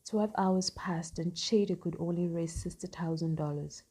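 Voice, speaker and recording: A woman narrating a scripted story in an even, matter-of-fact way. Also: fairly low pitch, moderate pace, husky.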